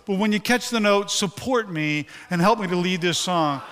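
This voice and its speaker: This sermon comes from a male pastor whose stroke has left his voice weakened, yet it stays high-pitched and a bit bright at a moderate pace. He is frank and joking with the congregation. The church sanctuary adds long hall reverb, with slight background noise.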